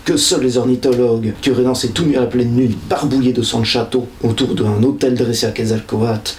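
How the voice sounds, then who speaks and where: A man hosts a humorous educational nature vlog, explaining things with playful asides. His voice sits in a mid register and bounces around an echoey indoor room. A faint hum of room noise lingers under it. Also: mid-range voice. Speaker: nature video host.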